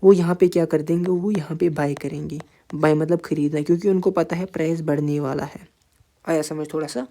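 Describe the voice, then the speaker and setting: Mellow-voiced man teaching trading casually. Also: a little high, fairly even intonation, slight background noise. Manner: informal, repetitive, addresses viewer directly, many fillers. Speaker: trading tutor. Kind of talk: casual screen-share tutorial.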